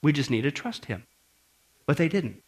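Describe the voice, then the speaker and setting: A man preaching a sermon as pastor in a church, lively and conversational, acting out voices and asking the congregation questions. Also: fairly high pitch, normal speed, slightly rough. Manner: animated, acts out grumbling voices and asks the audience questions.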